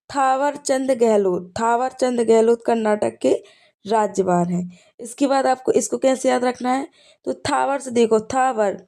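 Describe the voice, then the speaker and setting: Mellow-voiced woman teacher, repeating herself. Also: fairly high pitch, vocal fry. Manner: repetitive, checks in with "ठीक है". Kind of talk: exam revision lesson with memory tricks.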